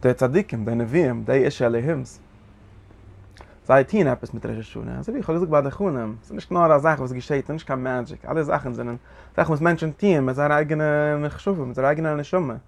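Guy giving a torah class, gravelly voice, animated, keeps asking "ja?". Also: mid-range voice, fast. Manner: animated lecturing with frequent questions to listeners. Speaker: Torah teacher. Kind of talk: Zohar lesson.

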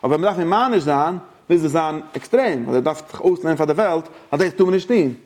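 A man giving an informal religious lecture, halting and searching for words as he explains, and dropping in English terms. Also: fairly high pitch, expressive, darkish tone.

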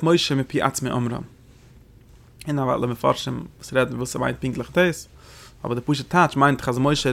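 A man with a gravelly, creaky voice teaching a lesson on religious texts. He talks quickly and explains as he goes. He keeps asking rhetorical questions and then answers them himself. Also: medium pitch, fairly bright tone. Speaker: Torah teacher.

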